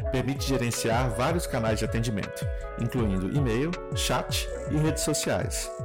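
An upbeat male podcast host with a mid-range voice. He presents energetically and reads the sponsor messages, with music clearly playing behind him. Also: mid-range voice. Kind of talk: podcast hosting and sponsor read.

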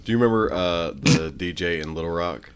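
A man co-hosting a casual podcast, teasing his friend in a dry, low-key way. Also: fairly quick, noisy background. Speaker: podcast co-host. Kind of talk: casual chat while eating snacks.

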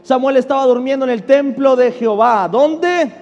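A man's voice: very high voice, moderate pace, darkish tone, highs cut off. A male pastor preaching a sermon, reading scripture verse by verse and asking the congregation questions that he answers himself. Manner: calls for congregational response. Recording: long reverb with faint music behind.

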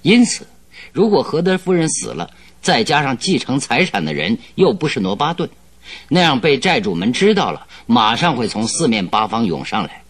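With a breathy edge and big pitch swings, a male actor voices a confident detective in a Chinese radio drama at medium pitch and moderate pace. Courteous and masterful, he sets out his deductions confidently and expositorily against background music.

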